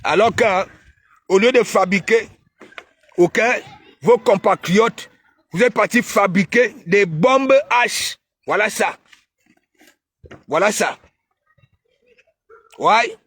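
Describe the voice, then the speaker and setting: A man from Cameroon with a Cameroonian accent, hosting a casual live stream where he mocks and teases, often breaking into shouts. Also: sits high, slow, pauses often, breathy edge, no room sound. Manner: mocking, teasing, bursts of shouting.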